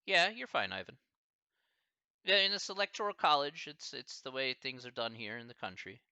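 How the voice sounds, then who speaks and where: A man's voice: mid-range voice, very animated, moderate pace, pushed and bright, smooth, dry recording. Chatty Midwestern male math professor. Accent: Midwestern American. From American Midwest. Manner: chatty, easygoing, thinks aloud. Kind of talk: casual live Q&A with students.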